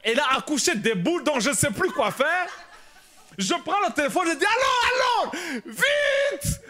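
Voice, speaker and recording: A male pastor, telling a personal story in a sermon, animated and shouting at the dramatic moments. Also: very high voice, brisk. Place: church prayer meeting.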